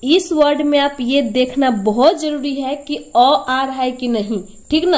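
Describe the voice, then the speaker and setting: Slow, high-voiced woman teacher. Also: darkish tone. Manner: patient, repeats each sound, asks and answers her own questions. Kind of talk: slow step-by-step spelling lesson.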